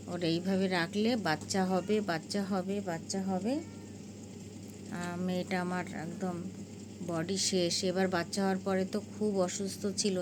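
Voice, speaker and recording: Woman, home vlogger, affectionate chatty delivery, mid pitch, noisy room. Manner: fond, chatty, coaxing pets with repeated calls. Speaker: cat owner vlogger. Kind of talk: casual home vlog narration.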